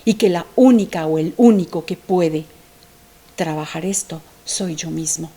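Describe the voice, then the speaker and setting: A woman giving a reflective lecture on grief, asking herself questions and dropping at times to a soft near-whisper. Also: fairly low pitch, a little slow, husky. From Mexico. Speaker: thanatology lecturer.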